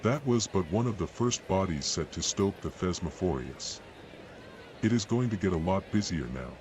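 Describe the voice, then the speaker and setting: Deep, cold, solemn executioner. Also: male voice, animated, moderate pace, darkish tone, slight background noise. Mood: solemn, contemptuous. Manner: grandiose, ceremonial, formal declamation. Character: cold solemn male executioner presiding over public burnings. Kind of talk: dramatic video game voice acting.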